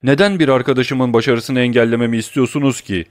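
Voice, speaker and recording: A man's voice: mid-range voice, fairly even intonation, brisk, no room sound, clean studio sound, lightly acted. A man voicing a cowardly, scheming thief who whines and pleads in an audiobook reading. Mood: sly. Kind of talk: audiobook character voice.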